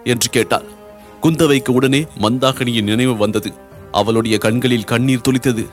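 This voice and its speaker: A man narrating a historical novel in a steady storytelling voice. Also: mid-range voice, normal speed, soft background music. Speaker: audiobook narrator. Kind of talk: scripted narration.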